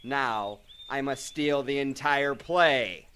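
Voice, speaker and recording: A man's voice: medium pitch, slow pace, bright, forceful tone, slight background noise. A man narrating and playing the lead in an amateur comedy audio drama, theatrical and mock-grand.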